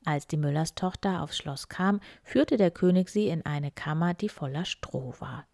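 A woman reading a fairy tale aloud in a slow, hushed, breathy voice. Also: sits low, dry recording. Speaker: storyteller. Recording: dry close recording.

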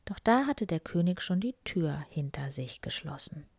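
A woman reading a fairy tale aloud in a slow, hushed, breathy voice. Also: low-pitched, very animated, no room sound. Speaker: storyteller. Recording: dry close recording.

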